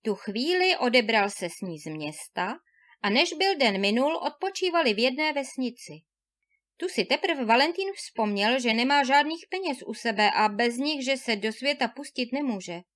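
A woman narrating a classic fairy tale aloud in a measured, expressive storytelling manner. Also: on the high side. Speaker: audiobook reader.

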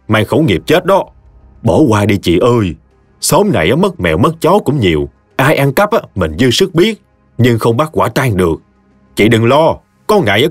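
Dude doing a grumpy old delta village elder, low growly scolding, dry, faint music. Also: male voice, no echo. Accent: Mekong Delta Vietnamese. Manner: grumbling, scolding. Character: gruff old village elder man, bossy and proud. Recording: dry close studio voice, soft music behind.

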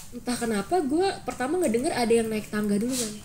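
A young woman co-hosting a podcast, telling stories in an animated, expressive way with casual slang. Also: fairly high pitch, quick pace, noisy background. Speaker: podcast co-host. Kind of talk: casual storytelling chat.

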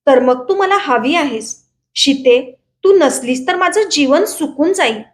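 A woman's voice: high voice, lively intonation, a little slow, echoey room. A woman reading aloud in the voice of a hot-tempered young village man who hurls defiant accusations. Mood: pleading. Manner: defiant, loud accusing outbursts.

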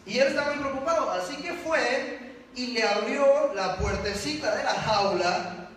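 Energetic man speaking in an echoey hall. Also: very high voice, measured pace, distant mic, slight background noise. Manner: energetic, questions the audience directly. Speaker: motivational speaker. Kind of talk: live talk to an audience.

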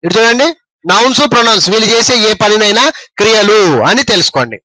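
A man with a Telugu accent teaching an English grammar lesson. He explains slowly, repeats words and keeps quizzing his listeners. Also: high-pitched, sharp tone, no echo, poor audio.

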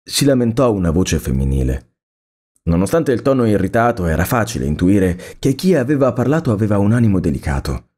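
A man narrating a story aloud in a measured, expressive reading. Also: fairly low pitch.

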